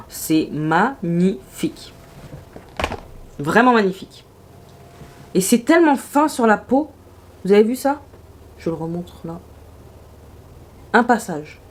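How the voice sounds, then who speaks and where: A woman's voice: fairly high pitch, a little mellow. A woman vlogging casually about her makeup, gushing and exclamatory in a chatty way. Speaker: beauty vlogger.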